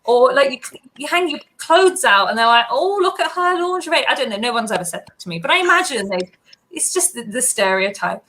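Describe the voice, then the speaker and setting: A woman rambles through a comic debate, chatty and full of asides. Her voice is high and very bright, with a faint hiss of noise in the background. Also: sing-song, a little fast, low-quality recording. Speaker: comedian panelist.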